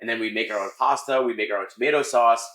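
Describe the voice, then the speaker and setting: A middle-aged American man, a chef, explaining his cooking in a casual, halting conversational way. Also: medium pitch, a bit bright. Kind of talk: casual cooking demonstration and chat. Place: restaurant kitchen. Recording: echoey kitchen room sound.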